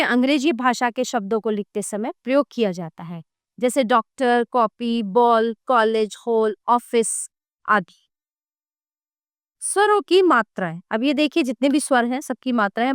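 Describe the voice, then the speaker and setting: High, clear woman teaching a lesson. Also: no echo, studio quality. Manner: spells out sounds and example words one by one. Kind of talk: read-aloud grammar lesson.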